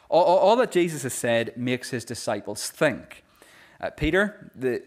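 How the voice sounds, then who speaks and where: A man preaching a sermon in an earnest voice. He often repeats words as he starts a phrase, and he slows down when he reads scripture aloud. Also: mid-range voice. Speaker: pastor.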